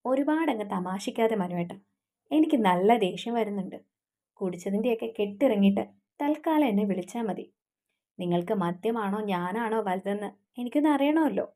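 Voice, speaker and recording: A woman's voice: medium pitch, expressive, brisk, mellow, close to an everyday voice. A woman voicing a teasing, stubborn young woman who scolds her fiancé.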